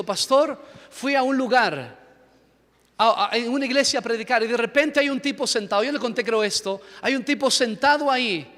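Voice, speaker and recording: Fervent high-voiced Ecuadorian preacher. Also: male voice. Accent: Ecuadorian Spanish. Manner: fervent, dramatic storytelling with rising shouts. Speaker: pastor. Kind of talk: sermon. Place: church hall. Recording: echoey church hall.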